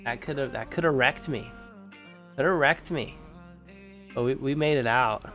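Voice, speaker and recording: At a moderate pace and medium pitch, a young livestream host speaks in a bright, forceful tone over faint music. His casual, slang-heavy chatter comes out nasal and stuffed-up because of allergies.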